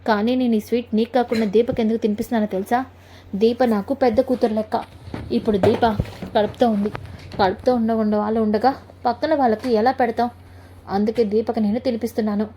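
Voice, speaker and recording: A woman voicing a middle-aged father who explains himself gently but firmly, in a retold family serial. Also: a little high, fairly even intonation, fast, slightly rough.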